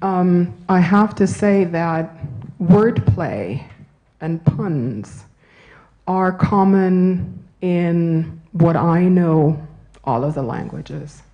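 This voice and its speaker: A woman raised in Germany and Italy gives a university lecture and answers questions in a university auditorium. She speaks extremely slowly in a lowish voice, talking discursively, correcting herself, and often checking in with "right?". The sound is lo-fi.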